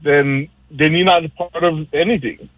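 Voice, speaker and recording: A Hawaiian man campaigning for council speaks on the radio in a casual chat, earnest and persuasive about civic matters. His voice is on the high side and a bit bright, with fairly even intonation and a measured pace, no room sound, and slightly dull lo-fi audio.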